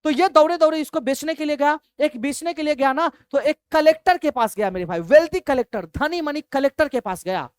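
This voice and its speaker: A woman's voice: high voice, animated, brisk, few pauses, a little mellow, no room sound, clean studio sound. A woman teacher retelling a story for exam students, repeating key points and asking the class questions. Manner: repetitive, asks the class questions.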